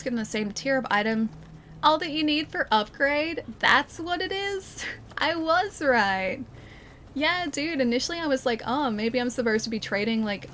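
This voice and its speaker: A young woman whose voice sits on the high side and sounds fairly bright is streaming a video game, with slight hiss or hum present. She laughs a lot, restarts her sentences, and casually talks with her viewers in live chat about the gameplay.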